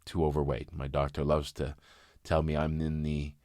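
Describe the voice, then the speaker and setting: A man in his fifties talking candidly in a personal vlog, reflective and halting, often restarting his sentences. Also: extremely low pitch, completely flat delivery, a little mellow, no echo, clean studio sound. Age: 50s. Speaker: vlogger.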